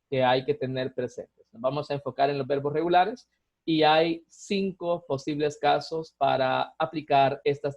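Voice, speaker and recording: A man giving a recorded lesson, explaining grammar rules patiently step by step, often checking in with a quick tag question. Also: on the high side, a little mellow. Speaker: teacher. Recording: dull lo-fi recording.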